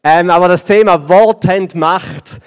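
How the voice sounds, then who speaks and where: A man with a Swiss German accent giving a playful, animated children's sermon, talking straight to the kids. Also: high voice, unhurried, smooth. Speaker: preacher. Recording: long reverb of a large hall.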